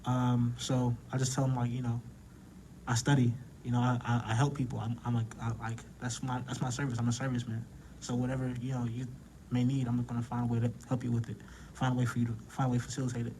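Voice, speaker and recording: A man in his twenties, a guest on a talk show, talks quickly in a flat, even tone with a mellow, dark voice. He rambles a little and repeats himself as he explains what he does. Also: mid-range voice, a little hiss or hum, rough recording. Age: 20s. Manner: rambling, with many fillers and restarts. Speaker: guest, insurance agent and student. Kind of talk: casual talk show chat.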